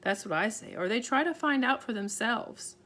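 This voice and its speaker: Pod, a woman voicing a tiny steady borrower father. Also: on the high side, normal speed. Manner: homely ungrammatical talk, calm reassuring. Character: tiny borrower father, middle-aged, steady, plain-spoken.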